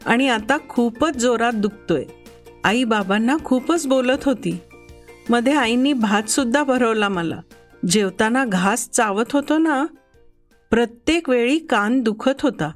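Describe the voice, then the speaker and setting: Brief: a woman reading a children's story as a boy, high voice, unhurried and expressive. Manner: expressive, childlike first-person telling. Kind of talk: first-person children's story narration.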